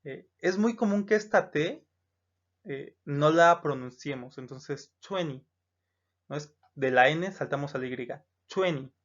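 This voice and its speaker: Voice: mid-range voice, unhurried. A teacher with a Mexican Spanish accent in a recorded lesson, patiently saying each English number aloud, repeating it, and checking in with "¿no?". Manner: explanatory, with frequent "eh" and "¿no?" checks. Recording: slightly dull lo-fi recording.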